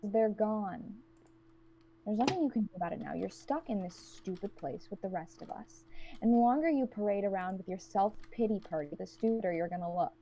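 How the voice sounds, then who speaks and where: A woman playing a cold, guarded woman trapped with strangers, who speaks in a blunt, cutting monotone. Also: medium pitch, a little fast, slight background noise, close to an everyday voice.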